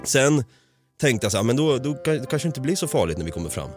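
A man's voice: mid-range voice, soft background music. A man from Sweden telling a story in a casual podcast chat, swearing often and laughing as he goes. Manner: swears a lot, animated retelling with laughter.

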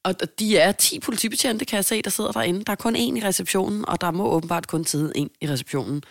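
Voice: medium pitch, gravelly, no room sound, clean studio sound. A podcast co-host telling a long story in casual chat and acting out the people in it. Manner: animated, acts out the people in the story.

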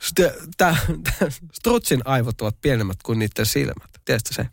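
A man's voice: medium pitch, animated, gravelly, no echo. A man co-hosting a podcast in casual chat, joking, swearing and mimicking others. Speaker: podcast co-host.

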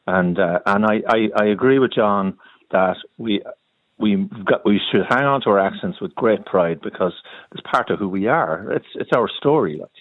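A middle-aged man with a diluted Sligo accent talks in a fairly low voice. He chats casually as a radio caller, stopping and restarting, through a thin, dry phone line. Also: no room sound. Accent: Sligo Irish, diluted. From Sligo area, Ireland. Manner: halting, repeats words. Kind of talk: casual chat.

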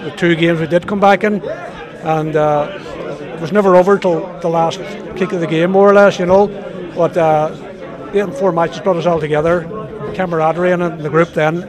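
A former footballer in his sixties talks in a Donegal Irish accent, reminiscing in an interview. His voice sits a little high for a man. Clear crowd chatter surrounds him. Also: fairly even intonation, normal speed. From County Donegal, Ireland.

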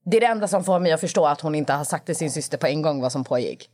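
Lower-voiced blunt woman co-host. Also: expressive, darkish tone. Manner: blunt, exclamatory, swears casually. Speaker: podcast co-host. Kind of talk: casual podcast chat. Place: podcast studio.

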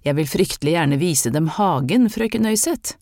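A narrator voicing a brisk lady of the house who speaks effusively and in a hurry, in an audiobook. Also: medium pitch, animated, darkish tone, no echo, studio quality, lightly acted. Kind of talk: audiobook character reading.

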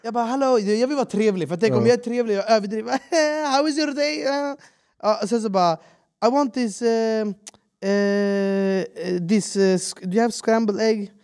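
A man's voice: sits high, clean tone. A man, telling a travel story in casual chat and acting out the people he met in broken English. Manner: animated, acts out quotes in broken English. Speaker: podcast host.

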